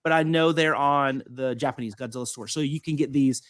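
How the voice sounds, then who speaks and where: A man's voice: mid-range voice, fairly quick, fairly bright tone, no echo, clean studio sound. A man co-hosting a podcast in casual chat, rambling with lots of fillers. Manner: rambling, enthusiastic, many fillers. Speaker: podcast co-host.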